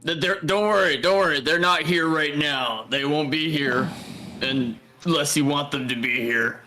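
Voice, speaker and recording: A man's voice: on the high side, moderate pace, sharp tone, soft background music. A man role-playing his character in a tabletop game, rambling and swearing casually.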